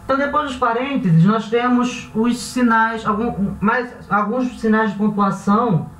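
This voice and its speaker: A Brazilian man with a relaxed, chatty teaching manner who often corrects himself and checks in with his listeners. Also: very high voice, unhurried. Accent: Brazilian Portuguese. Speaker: language teacher. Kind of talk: casual classroom explanation. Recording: echoey room, voice a bit far from the mic.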